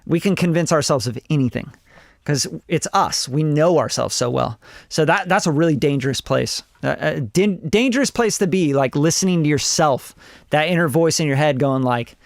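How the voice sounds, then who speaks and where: This man's voice sits on the high side and sounds creaky, moving at a moderate pace in a clean studio recording without echo. He is a forties-aged producer from Costa Rica, casually reviewing songs live with blunt, rambling, profane chatter.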